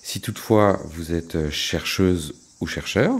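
Deep-voiced middle-aged man. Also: slow pace, slightly rough. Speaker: astronomy centre director and science educator. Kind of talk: interview, explanatory talk.

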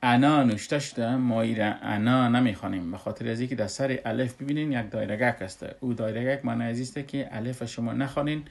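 A man, a Quran recitation teacher who explains a lesson step by step and pauses often on drawn-out "uh" sounds. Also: mid-range voice, fairly even intonation, vocal fry. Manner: unhurried, with frequent drawn-out "uh" pauses.

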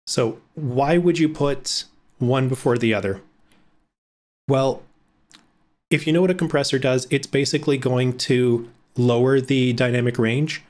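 A man's voice: mid-range voice, steady tone, measured pace, darkish tone. A man in his thirties giving a casual screen-recorded video editing tutorial from a home room. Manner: explanatory, casual, with fillers. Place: home room with blackout curtains.

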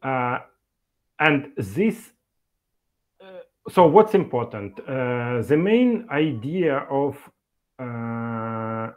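A man's voice: medium pitch, sing-song. A man presenting at an online meetup over a video call, speaking with frequent fillers and restarts. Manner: halting, many fillers and restarts. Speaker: conference speaker from an e-learning developer.

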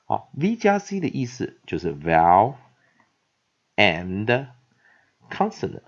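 A man with a low, animated voice teaches pronunciation in a patient classroom manner. He drags out example words and says them again and again, with filler sounds between phrases. The recording is dull and lo-fi. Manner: lively, repeats words slowly, many filler "ah" sounds. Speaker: English teacher. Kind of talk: vocabulary pronunciation lesson. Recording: dull lo-fi audio.

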